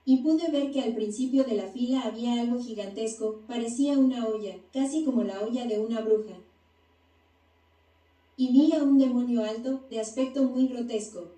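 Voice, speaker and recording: A woman narrates a first-person testimony in an even, read-aloud voice-over. Her tone is deeply mellow and a little high. She sounds set back from the mic in an echoey space. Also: normal speed, distant mic. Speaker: narrator of a near-death testimony.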